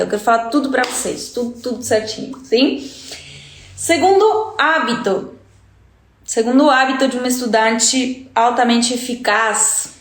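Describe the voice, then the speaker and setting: A woman's voice: fairly high pitch, reverberant. A woman from Uruguay, a native Spanish speaker with a Uruguayan Spanish accent, teaching Spanish in a live-stream lesson and checking in with her listeners all the time. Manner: chatty, checks in with listeners often.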